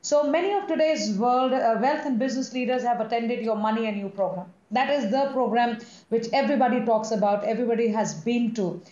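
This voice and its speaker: Over a video call, a woman hosts an interview indoors, speaking a little fast with few pauses in a fairly high, darkish voice. She's effusive and repeats words while searching for the right ones, and the call audio sounds echoey and slightly muffled.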